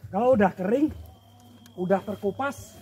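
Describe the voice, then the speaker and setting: A man's voice: sits high, moderate pace, darkish tone, slight background noise. A man with a Javanese accent hosting a casual outdoor vlog, chatty and inquisitive, often repeating what he is told. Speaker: vlog host asking locals questions. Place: outdoors on a rural coffee-growing hillside.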